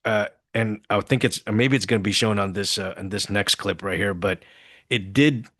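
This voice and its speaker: A man co-hosting a podcast, talking in an easygoing, halting way. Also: fairly low pitch, a bit bright, no room sound, clean studio sound. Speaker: podcast co-host. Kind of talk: casual reaction chat.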